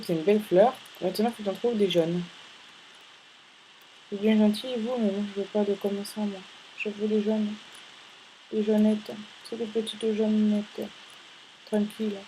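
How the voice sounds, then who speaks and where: Brief: male let's-play host, rambling and playful, talks straight to viewers, mid-high voice, faint hiss. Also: a little mellow, low-quality recording. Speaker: gaming channel host. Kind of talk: casual let's-play commentary.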